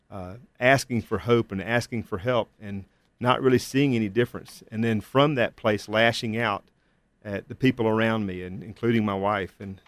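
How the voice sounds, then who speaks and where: A man as an interview guest and father, telling his story in a measured, candid way with hesitant fillers. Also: lowish voice, no room sound. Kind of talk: reflective personal testimony.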